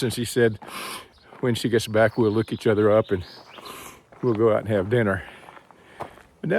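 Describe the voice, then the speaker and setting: A man's voice: medium pitch, a little hiss or hum. A man with a Texan accent, talking casually to his phone while walking outdoors on a trail, rambling and thinking aloud. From Texas. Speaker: vlogger.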